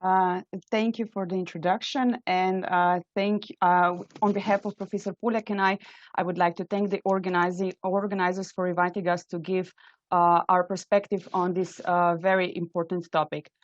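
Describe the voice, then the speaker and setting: A woman's voice: on the low side, little pitch movement, normal speed, no room sound. Woman presenting with many fillers. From Slovenia. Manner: earnest, many hesitant "uh" fillers. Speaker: invited speaker, microbiology trainee. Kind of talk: webinar presentation. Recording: dull, dry webinar audio.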